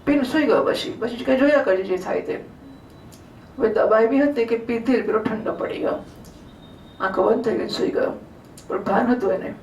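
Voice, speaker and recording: A woman's voice: fairly high pitch, normal speed, pauses often, a little mellow, slight background noise. A woman giving a devotional scripture discourse in a conversational way, often asking the audience questions. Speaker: religious storyteller. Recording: roomy hall, distant mic, faint ambience.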